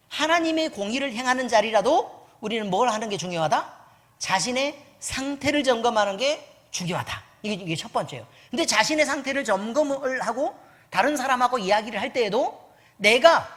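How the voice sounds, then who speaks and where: A woman pastor preaching at a church service in a teasing, conversational way, constantly quizzing the congregation with questions. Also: mid-range voice. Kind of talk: sermon.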